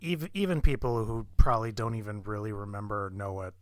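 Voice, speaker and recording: A man co-hosting a casual podcast, talking haltingly with many restarts. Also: fairly low pitch, fairly even intonation, no echo. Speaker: podcast co-host.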